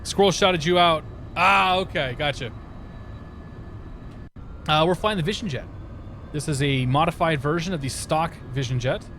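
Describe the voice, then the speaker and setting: Streaming a flight sim session over his headset, this man speaks at a normal pace with long pauses, his fairly high voice bright against slight background noise. He keeps the commentary casual and greets viewers by name while he flies.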